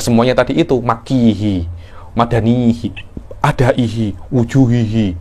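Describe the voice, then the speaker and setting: Middle-aged man lecturing with emphatic rises. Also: mid-range voice. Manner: explanatory, repeats words, rising emphasis on key points. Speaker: religious teacher. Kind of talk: classroom lecture.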